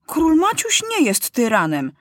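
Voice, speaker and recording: A woman's voice: on the high side, huge pitch swings, unhurried, no room sound, studio quality, pitched above the performer's own voice, heavily acted. A woman voicing an earnest, rebellious ten-year-old boy king in an audiobook. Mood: indignant. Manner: eager, rebellious outbursts.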